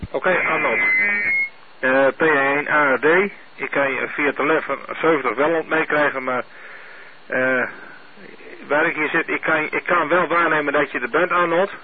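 A man running an amateur radio net, heard over a two-way radio link, speaking in a steady, methodical way and spelling out call signs. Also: fairly high pitch, moderate pace. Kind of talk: radio net check-ins. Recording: narrow tinny radio with faint hiss.

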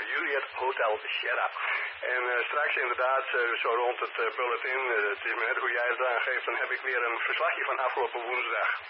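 A man making a casual, measured and hesitant check-in as an amateur radio operator. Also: medium pitch, lo-fi sound. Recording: noisy, band-limited ham radio transmission.

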